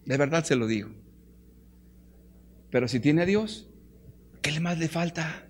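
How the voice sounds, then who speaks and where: Man, Mexican Spanish accent, preacher, fervent sermon, high voice, rhetorical questions, loud then hushed, long hall reverb. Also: a little slow, slight background noise. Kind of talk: impassioned sermon.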